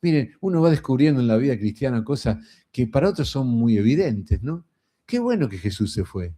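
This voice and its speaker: A man's voice: medium pitch, very animated, fairly quick, dark tone. A middle-aged man with a Rioplatense Spanish accent preaching a sermon in a folksy, conversational way, often tossing in a rhetorical "¿no?".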